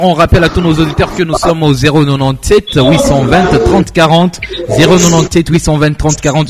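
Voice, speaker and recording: A man with a Congolese French accent hosts a live radio show. His voice is a little high, and he repeats himself as he introduces guests and questions.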